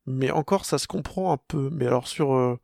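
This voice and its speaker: A man's voice: medium pitch, moderate pace, gravelly, darkish tone, no echo, clean studio sound. A young adult man co-hosting a casual tech chat, rambling with many restarts and fillers. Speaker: podcast co-host.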